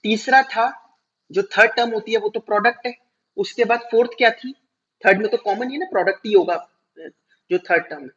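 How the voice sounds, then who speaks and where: A male teacher giving a classroom lecture, explaining step by step, slowing down to spell out terms and checking whether students follow. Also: sits high, a bit bright. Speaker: commerce teacher. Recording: dull lo-fi recording.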